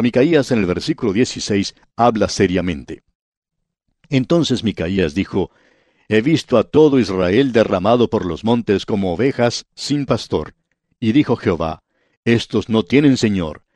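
Low-voiced male Bible radio teacher. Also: darkish tone, no room sound. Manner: addresses the listener directly, reads scripture then explains.

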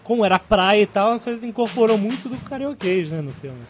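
High-pitched man asking questions on a podcast. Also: expressive, brisk, crowd noise. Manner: brief agreeing interjections and questions. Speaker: podcast host. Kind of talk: casual podcast chat.

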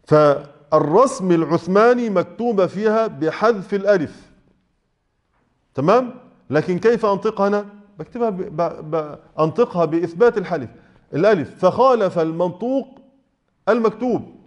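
Egyptian male teacher, high voice, chatty lesson style, keeps asking if the class follows. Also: animated, normal speed. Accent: Egyptian Arabic. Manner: conversational, checks understanding with rhetorical questions. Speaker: Quran recitation teacher. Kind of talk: explaining a text in class. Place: mosque.

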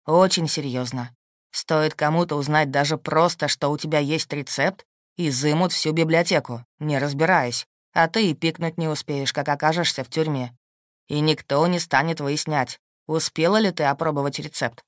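A woman reading an audiobook, voicing a calm, shrewd and protective husband in a steady, dry, matter-of-fact way. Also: low-pitched, moderate pace, no room sound, pitched below the performer's own voice, lightly acted. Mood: calm, firm. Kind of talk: audiobook character voice.

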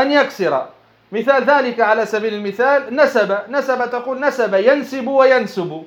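A man with a high voice teaches at a brisk clip, explaining a grammar text line by line. He poses rhetorical questions and answers them himself, repeating phrases as he goes. The recording sounds dull and lo-fi. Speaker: Islamic studies teacher.

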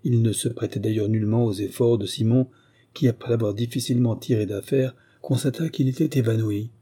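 A man's voice: medium pitch, fairly even intonation, a little fast, warm tone, slightly rough. A man reading a classic adventure novel aloud as an audiobook narrator, telling it steadily and raising his voice for the characters' exclamations.

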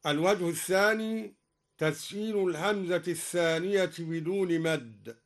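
A man who is a Quran recitation scholar, explaining reading variants in a measured, scholarly way and chanting each verse slowly as an example. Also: high-pitched. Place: radio studio.

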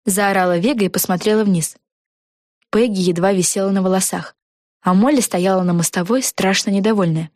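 A woman narrating a children's storybook in an even, clear manner. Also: medium pitch, a little fast, no room sound, studio quality.

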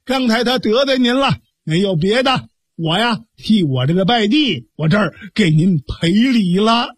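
A man's voice: sits high, expressive, normal speed, slightly rough, no echo. A man playing a courteous, apologetic innkeeper. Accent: Beijing. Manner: polite, apologetic.

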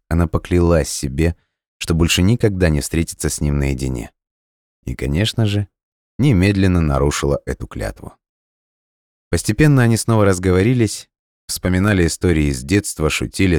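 Male narrator, very low voice, dry close sound, steady audiobook reading. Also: dry recording. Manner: measured, even storytelling.

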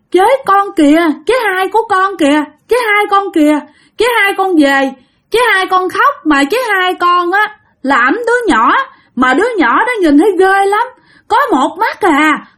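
A frightened little boy's voice, high and shrill, calling out the same words over and over, as a woman storyteller puts him on. It swings wildly in pitch and sounds panicked. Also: expressive, a little slow, fairly bright tone, full character voice. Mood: terrified. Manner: shrill, panicky, repeating himself. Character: frightened crying eight-year-old boy.

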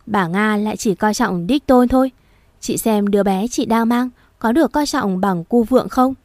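A woman's voice: mid-range voice, normal speed, a little mellow, no echo, natural voice. A woman voicing a spiteful young pregnant mistress who mocks and provokes, in a storybook reading. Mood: taunting. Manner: mocking and provocative.

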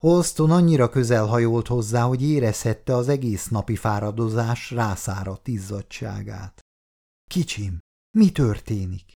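A male audiobook narrator with a gravelly voice and a dark tone. He reads in a measured, even way. His pitch sits in a middle range. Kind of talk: scripted narration.

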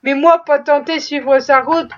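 A sly male servant, deferential on the surface and joking underneath, speaks in broken phrases, as a woman reading the story puts him on. The voice is high, and the recording is dull. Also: steady tone, measured pace.

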